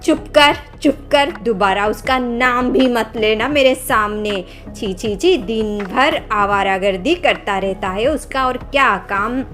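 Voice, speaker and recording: A boastful, scheming middle-aged village stepmother from a cartoon story. She scolds in a slow, drawn-out way, her voice sitting fairly high. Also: soft background music. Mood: scolding. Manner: scolding, sharp-tongued. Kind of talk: Hindi cartoon story voice acting.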